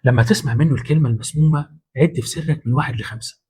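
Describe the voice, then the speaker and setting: Egyptian male host, quick slangy self-help talk, raspy voice, casting for punchy motivational lines. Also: on the high side, darkish tone. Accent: Egyptian Arabic. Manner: colloquial, punchy, street-slang asides.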